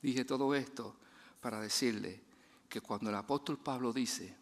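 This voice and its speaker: A man preaching a sermon in a chatty storytelling way, laughing often, restarting his sentences and dropping soft and low for his main points. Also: normal speed. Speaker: guest preacher.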